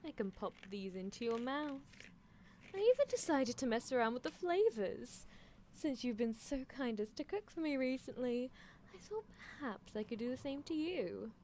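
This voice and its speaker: In a live ASMR roleplay, a woman plays a possessive, coolly unethical mad scientist, coaxing the listener with sly, teasing theatricality and soft chuckles. Her high, sing-song voice moves at normal speed, languid in manner, over a faint hiss or hum.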